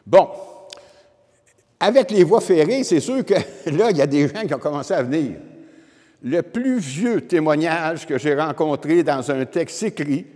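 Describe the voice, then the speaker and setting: An elderly historian, in his seventies and speaking with a Quebec French accent, gives an informal public history talk with a handheld mic, explaining things directly to those present. He sounds expressive, measured in pace, with a high-leaning, darkish voice. Hall reverb fills the wood-panelled room.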